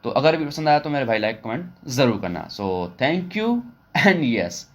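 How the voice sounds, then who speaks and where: A man's voice: medium pitch, sing-song, a bit bright. Man patiently teaching phonics rules. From Pakistan. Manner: explains step by step, repeating rules and asking questions; slows down sharply to say English phrases. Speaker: English teacher. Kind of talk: online phonics lesson.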